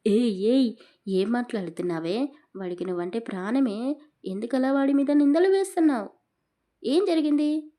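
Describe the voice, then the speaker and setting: A woman's voice: on the high side, a little slow, long pauses, mellow, pitched above the performer's own voice, lightly acted. A woman voicing an affectionate, scolding grandmother in her old age in an audio story. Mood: fussing. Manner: fussing, scolding.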